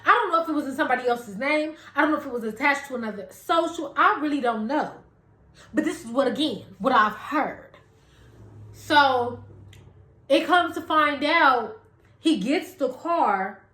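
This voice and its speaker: Chatty high-voiced woman gossiping, echoey room. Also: lively intonation, normal speed, sharp tone. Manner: chatty, retells arguments with hedges. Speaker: podcast host. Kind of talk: casual gossip commentary.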